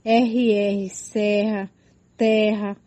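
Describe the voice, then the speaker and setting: A woman's voice: medium pitch, level tone, very slow, warm tone. A woman teacher giving a radio lesson for adult learners, patiently spelling out letters and listing example words. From Amazonas, Brazil.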